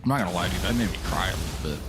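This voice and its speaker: Profane, excitable young man streaming. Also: sits low, very fast. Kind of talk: casual gaming chat. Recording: music playing behind.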